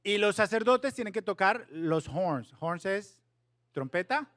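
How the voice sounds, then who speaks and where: A man in his thirties with a high voice gives a playful, animated youth sermon, telling a story and slipping English words in. The sound is close and dry, with no room echo. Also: a little slow. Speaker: youth pastor.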